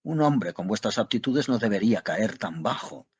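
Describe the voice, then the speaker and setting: Pompous washed-up stage actor with a husky voice and big declamatory swings, a man doing the part. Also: lowish voice, expressive, normal speed. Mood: grandiloquent. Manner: florid, declamatory, playful. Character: theatrical, grandiose male French ex-actor.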